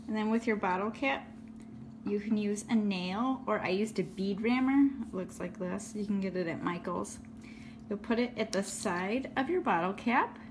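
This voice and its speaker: A woman walks viewers through a hands-on craft project in an easygoing, practical way. Her voice sits at an ordinary middle pitch. A phone camera above her table records her, with a clear hiss of background noise. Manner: friendly and practical, talking while working with her hands. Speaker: craft tutorial host. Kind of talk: casual step-by-step craft tutorial. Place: indoors at a table. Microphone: phone camera filming hands from above.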